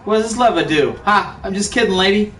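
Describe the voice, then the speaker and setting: Joking New gamer, roomy sound. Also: male voice, high voice, fast talker, a bit bright. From New York. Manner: joking, playful, narrates what he finds. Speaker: gaming host. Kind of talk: casual gameplay commentary. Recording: echoey room, mic at a distance, faint noise.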